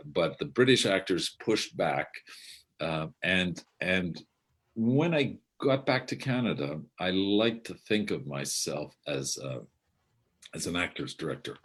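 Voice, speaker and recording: A man's voice: deep voice, breathy edge. An older man, a theatre director, telling stories from his career in a rambling way, with frequent restarts and casual swearing. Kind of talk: rambling reflective monologue.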